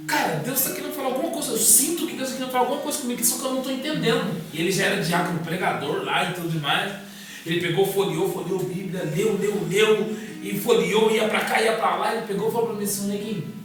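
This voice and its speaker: A man, a guest pastor telling a personal testimony in casual conversation, acting out the dialogue as he goes. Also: high-pitched. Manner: animated storyteller acting out dialogue. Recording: echoey room, distant mic, music underneath.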